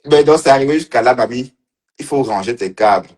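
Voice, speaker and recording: A man of medium pitch and darkish tone talks a little fast, giving casual livestream commentary as an online commentator. Teasing and mockery fill his talk, along with frequent laughs and repeated phrases.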